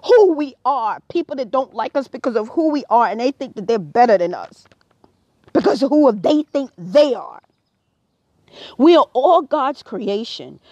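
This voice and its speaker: With a high-sitting, expressive, slightly mellow voice and an unhurried pace, an American woman hosting a live stream preaches passionately to her audience about social issues. The recording is dry, dull, and lo-fi, with no echo.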